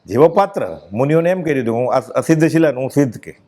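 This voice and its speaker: A man with a Gujarati accent giving a devotional discourse, chanting verses slowly and then explaining them in plain speech. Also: mid-range voice, animated, mellow. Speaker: spiritual discourse speaker.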